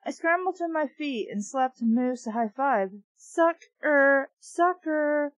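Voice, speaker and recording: In a high voice with lively intonation and normal speed, a woman reads a story aloud on a dry recording. She reads and reviews children's books, and her audiobook-style reading is peppered with sardonic, sweary, exasperated commentary.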